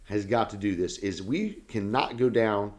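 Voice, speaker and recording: A man's voice: fairly low pitch, moderate pace, a little mellow. A man who is a senior pastor, talking earnestly and casually in a devotional chat. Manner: earnest, lesson-drawing talk.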